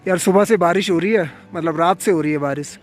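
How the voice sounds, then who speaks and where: A man with a fairly high voice talks to his camera while hiking a mountain trail outdoors. He is feverish and worn out from the climb, yet stays chatty and keeps giving friendly advice to his viewers. Soft music plays faintly underneath. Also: fairly quick. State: unwell with a fever, tired from climbing. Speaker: travel vlogger. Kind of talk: casual travel vlog narration.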